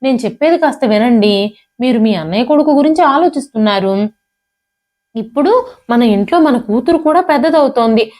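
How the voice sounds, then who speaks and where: A woman's voice: on the high side, animated, moderate pace, a little mellow, close to an everyday voice. A woman voicing a proud young wife who scolds her poor relatives with contempt. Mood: complaining. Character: scornful proud young wife, cold to in-laws.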